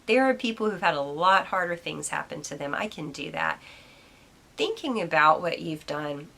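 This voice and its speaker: A woman's voice: low-pitched, very animated, normal speed, gravelly, bright, forceful tone. A woman hosting a solo podcast at home, musing and reflective as she thinks aloud with plenty of ums. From United States. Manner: talks aside to her cat now and then. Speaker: podcast host. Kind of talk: casual solo podcast monologue.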